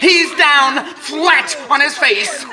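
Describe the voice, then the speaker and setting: An excited radio fight announcer. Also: male voice, very high voice, crowd noise. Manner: rapid-fire, excitable. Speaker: sports announcer. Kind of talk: 1940s radio acting, blow-by-blow commentary.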